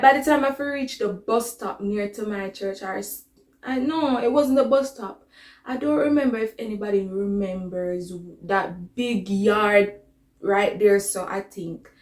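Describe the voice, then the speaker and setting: A woman with a Jamaican accent and a higher-pitched voice, heard in a reverberant space, tells a personal story. Her retelling is casual and dramatic, and she slips into patois as she goes.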